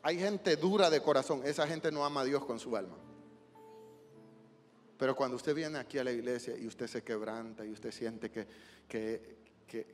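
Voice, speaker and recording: A male pastor preaching an emotional sermon in a church, swinging from hushed lines to loud cries. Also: mid-range voice, moderate pace, pauses often, big-room sound, soft background music. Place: church sanctuary.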